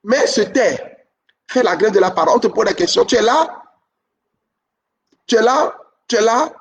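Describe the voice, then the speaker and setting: A man giving relationship advice to camera, repeating his key points and often checking in with a quick "ok?". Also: high-pitched, animated, creaky, a bit bright, far from the mic.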